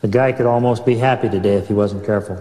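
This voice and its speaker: Man, deadpan narrator, dry understated delivery, played through speakers, echoey hall. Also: on the low side, quick pace, a little hiss or hum. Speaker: narrator of humorous audio recording. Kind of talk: deadpan comic instruction.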